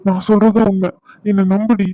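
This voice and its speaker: A man's voice: sits high, level tone, fairly quick, no room sound, dull audio, lightly acted. A man voicing a young husband in a cartoon drama, coaxing and pleading with his wife.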